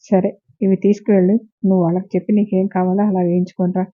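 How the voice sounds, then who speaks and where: A woman's voice: fairly low pitch, flat delivery, quick pace, close to an everyday voice. Woman doing a firm mother-in-law. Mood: matter-of-fact. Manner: scolding, matter-of-fact. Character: practical mother-in-law, firm but caring. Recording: tinny phone-like sound.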